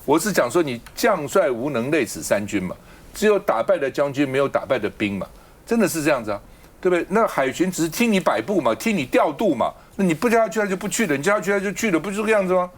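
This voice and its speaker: A man's voice: fairly high pitch, very animated, quick pace. A man hosting a political talk show, arguing his points with a stream of rhetorical questions into a studio mic. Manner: argumentative, fires off rhetorical questions.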